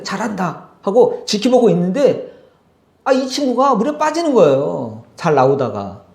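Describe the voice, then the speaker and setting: A male pastor preaching a sermon, telling stories with big swings from loud exclamations to hushed near-whispers. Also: fairly high pitch, reverberant.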